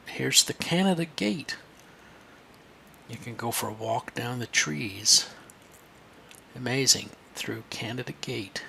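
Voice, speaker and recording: A man's voice: medium pitch, creaky, pushed and bright, slight background noise. A man teaching a screen-share lesson for kids, chatty and thinking aloud as he points things out.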